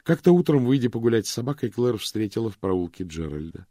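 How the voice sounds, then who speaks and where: A man narrating a story in a measured, expressive reading. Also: mid-range voice, no room sound, studio quality. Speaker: audiobook narrator. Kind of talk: scripted narration.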